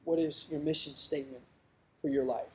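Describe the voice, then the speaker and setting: Mellow-voiced youth preacher. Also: medium pitch, fairly even intonation, moderate pace. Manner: conversational preaching, rising to emphatic. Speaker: youth pastor. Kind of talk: sermon. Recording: roomy echoing hall.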